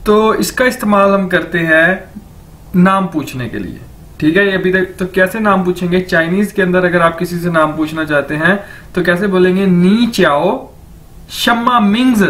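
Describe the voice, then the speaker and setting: High-voiced Urdu-accented male teacher. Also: a bit bright. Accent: Pakistani Urdu. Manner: drills each word by repeating it slowly, checking "theek hai?". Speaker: language teacher. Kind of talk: classroom lecture.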